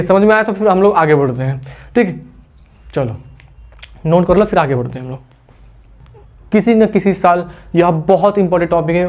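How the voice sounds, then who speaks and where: A man's voice: high-pitched, darkish tone. A male teacher giving a classroom physics lecture, teasing imagined students, repeating key terms and quizzing the class, with English terms mixed in. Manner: mixes English terms into speech.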